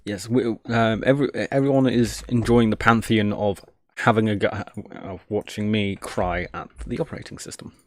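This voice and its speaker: On a live tech stream, a man thinks aloud casually, jokey and self-deprecating, muttering each step as he works. His lowish voice is steady and a little mellow, at a moderate pace, recorded in studio quality with no room sound.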